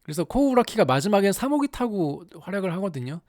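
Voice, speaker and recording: Lively, animated casual commentator. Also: medium pitch, fast talker, dry recording, studio quality. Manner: animated, exaggerated storytelling with rhetorical questions. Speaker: YouTube anime commentator.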